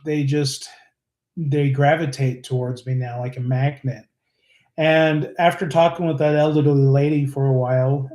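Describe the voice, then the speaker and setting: A man's voice: fairly high pitch, warm tone. A man chatting on a live stream about his craft, telling stories in an earnest, rambling way with lots of fillers and restarts. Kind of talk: casual live-stream chat. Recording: roomy echo.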